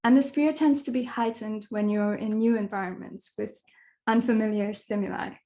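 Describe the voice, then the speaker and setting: A young adult woman from Kenya giving a presentation talk over a video call as a dark sky advocate, in a thoughtful way with soft fillers. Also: medium pitch, steady tone, normal speed.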